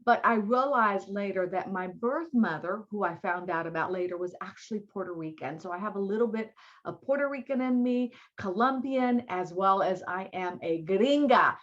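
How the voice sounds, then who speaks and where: A woman's voice: medium pitch, animated, moderate pace, highs cut off. A woman with a Southern American accent, born in New York City and raised in Miami, giving a live online diversity training in a chatty, folksy way that speaks straight to her audience.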